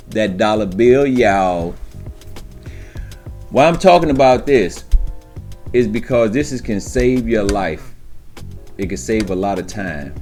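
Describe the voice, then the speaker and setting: In a fairly low, slightly mellow voice, a man speaks informally to camera as a trucker offering advice to newcomers. He is emphatic and streetwise and keeps checking in with his listeners throughout this instructional monologue.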